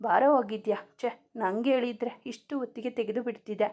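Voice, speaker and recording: Brief: woman reading as a loving young husband, playful and fond, in a higher-pitched voice. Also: fairly even intonation, brisk, darkish tone, close to an everyday voice. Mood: playful tender. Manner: affectionate teasing, firm when scolding. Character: young husband, teasing and protective.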